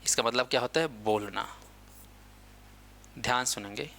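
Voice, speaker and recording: With a mid-range, sharp voice and an unhurried pace, a man lectures his class, sprinkling in English words. He poses questions and answers them himself while repeating key points, with slight background noise.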